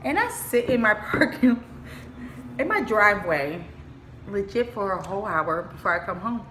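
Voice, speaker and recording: A woman from Puerto Rico, a guest in a casual chat, telling animated stories and acting out voices. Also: medium pitch, moderate pace, noisy background. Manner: animated storyteller, acts out voices. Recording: echoey room, faint ambience.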